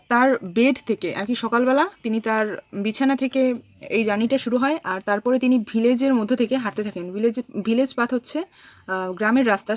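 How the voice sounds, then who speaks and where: A woman with a somewhat high voice gives a literature lecture. She explains patiently and slows right down to read lines of verse. The recording is dry and close. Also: dry recording. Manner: explains in Bangla, mixing in English terms and reading poem lines slowly. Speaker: teacher.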